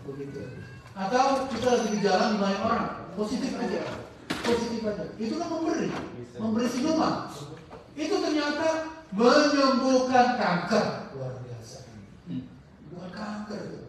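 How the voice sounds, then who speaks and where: High-voiced male religious teacher in echoey hall. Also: distant mic, slight background noise. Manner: halting, searches for words mid-sentence; animated storytelling with acted-out quotes. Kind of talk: informal religious study talk. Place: mosque hall. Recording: very echoey mosque hall, heard from afar.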